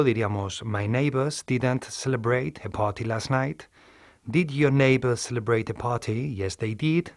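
A man explaining English grammar in Spanish, methodical and measured, reading out slow English example sentences. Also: mid-range voice. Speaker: English teacher. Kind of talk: explaining grammar in a studio lesson.

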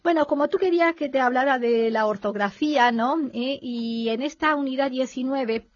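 A woman's voice: sits high, normal speed, no echo, dull audio. Woman teacher explaining grammar. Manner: thinks aloud, many fillers, keeps checking in with the listener. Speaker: French teacher. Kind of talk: explaining a language lesson in conversation.

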